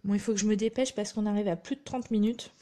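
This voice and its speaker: A woman's voice: mid-range voice, fairly even intonation, fast, warm tone. A woman, chatting casually while she demonstrates a craft project on a live stream. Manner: chatty, narrates her hands-on work with little asides. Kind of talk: live craft tutorial chat.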